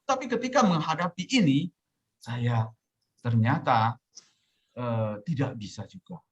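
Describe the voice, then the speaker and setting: A middle-aged man gives a Buddhist dhamma talk at a relaxed, conversational pace. His voice sits in an ordinary middle pitch, and he tells his story with frequent fillers. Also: unhurried, breathy edge, dull audio. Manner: conversational, many fillers, acts out his own quoted pleas. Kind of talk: personal story in a sermon.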